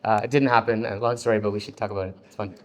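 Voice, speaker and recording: A man from Canada, a venture investor answering on a panel discussion with a relaxed manner and frequent ums. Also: fairly low pitch, very fast, a little hiss or hum.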